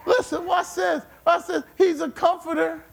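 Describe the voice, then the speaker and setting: A man preaching a sermon with emphatic repetition, at times rising to shouts. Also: very high-pitched, flat delivery, moderate pace, gravelly, crowd noise. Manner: emphatic, repeats words, rises to shouts.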